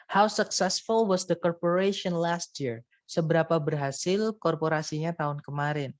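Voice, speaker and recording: A man's voice: on the high side, no room sound. A man teaching an English listening lesson in an online class, explaining step by step in a patient way with frequent fillers.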